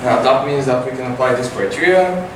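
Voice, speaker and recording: A teenage boy giving a science competition report with many fillers and halting phrasing. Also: mid-range voice. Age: teens. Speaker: student presenter. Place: large classroom with projector. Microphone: far camera. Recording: echoey room from far off, noisy.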